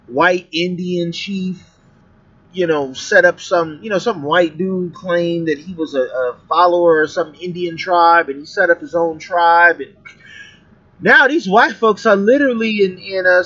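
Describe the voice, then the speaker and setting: A man's voice: high-pitched, fairly bright tone. A man calling into a stream, arguing his point in a blunt, rambling way and swearing freely. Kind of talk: casual heated chat. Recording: dull lo-fi call audio.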